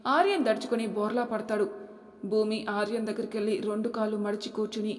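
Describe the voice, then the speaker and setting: A woman narrating an audio story in a steady storytelling manner. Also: medium pitch, a little fast. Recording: echoey room with long reverb.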